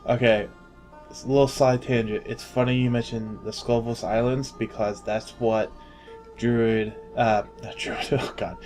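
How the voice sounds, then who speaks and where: Male podcast host, easygoing banter, average pitch, faint background music. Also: fairly even intonation, unhurried, darkish tone. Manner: jokey, laughs often, trails off with fillers. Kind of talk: casual gaming podcast chat.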